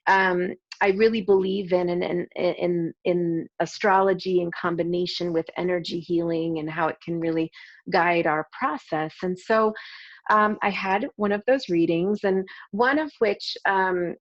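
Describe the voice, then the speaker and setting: A middle-aged woman, an energy healing teacher, talking gently and hesitantly with many ums and restarts before a meditation. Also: lowish voice, steady tone, unhurried, no room sound. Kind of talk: casual spoken introduction to a meditation. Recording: slightly dull, dry sound.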